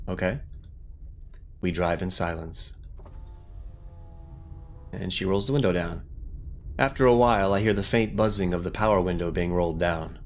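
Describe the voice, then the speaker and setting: A man hosting a gaming video talks at a normal speed in a low voice, leaving long pauses as he thinks aloud through a casual let's play and sometimes reads game text. Guitar game music and slight background noise are audible behind him.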